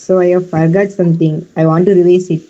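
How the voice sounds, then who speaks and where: A man's voice: sits high, flat delivery, racing, warm tone. A male student with a Tamil accent answering his teacher politely over a video call, saying sir often. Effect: heard over a video call. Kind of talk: answering a teacher in an online class. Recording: dull lo-fi video call audio.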